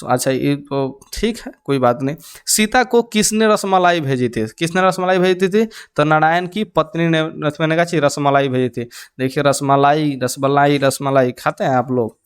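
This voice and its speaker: A man's voice: fairly high pitch, moderate pace, smooth. A young man teaching an exam-prep lesson. He keeps asking his students to repeat the answer back and drops joking asides in local dialect. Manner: call-and-response questioning with "kya ho jayega ji?".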